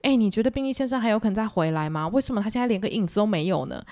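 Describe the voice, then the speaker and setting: A woman's voice: mid-range voice, expressive, rapid-fire, a little mellow, lightly acted. A woman voicing a gossipy middle-aged mother who grumbles with sour, dramatic sighs, in a book-club podcast retelling. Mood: grumbling.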